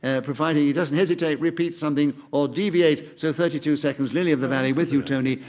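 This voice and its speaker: A man chairing a radio panel game, announcing scores and timings in a brisk, formal way. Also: fairly high pitch, steady tone, a little mellow. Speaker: quiz show chairman.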